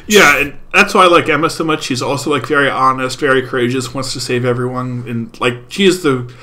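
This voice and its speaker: A man's voice: mid-range voice, a little fast. A man co-hosting a podcast, chatting casually through his notes about an anime episode. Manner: talks through notes, steady and agreeable. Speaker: podcast co-host. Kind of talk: casual anime review chat.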